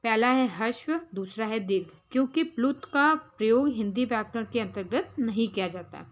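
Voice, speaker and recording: A woman's voice: a little high, animated, moderate pace, dull audio. A woman teaching as an exam prep tutor, going through quiz answers step by step and calling her viewers friends.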